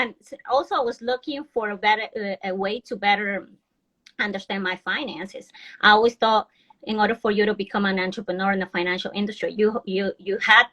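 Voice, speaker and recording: A woman's voice: mid-range voice, bright, forceful tone, poor audio. A woman from Ecuador, a financial advisor, speaking earnestly as a guest on a video call and often restarting her sentences. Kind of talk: casual live-stream interview.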